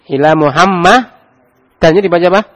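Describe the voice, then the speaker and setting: Speaking a little fast in a high, fairly bright voice, this Islamic teacher with an Indonesian Javanese accent runs an Arabic grammar lesson. He quizzes the students and gets them to read aloud.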